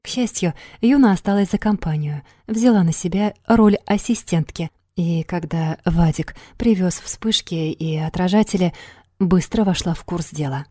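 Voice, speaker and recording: A woman narrates an audiobook in a measured, even way. Her voice is low and mellow, recorded close and dry with no room sound. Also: dry recording.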